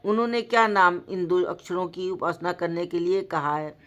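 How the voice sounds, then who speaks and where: A woman voicing a humble, inquiring elderly male holy man in a slowly read devotional story. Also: lowish voice, steady tone, lo-fi sound, natural voice. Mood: earnest. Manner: slow, measured reading voice.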